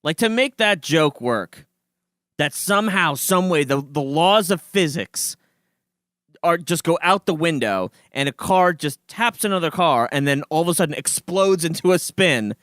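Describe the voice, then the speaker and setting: A man co-hosting a film podcast, talking in an animated, emphatic, exasperated way as he criticizes a movie. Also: fairly high pitch, measured pace, no room sound, studio quality. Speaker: podcast co-host. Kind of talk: casual film review chat.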